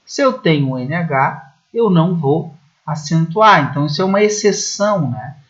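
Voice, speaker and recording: A man's voice: fairly high pitch, animated, normal speed, a bit bright. A Brazilian man, a Portuguese teacher, explains grammar rules step by step, often checking in with "né?". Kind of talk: recorded online grammar lesson. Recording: slightly muffled lo-fi audio.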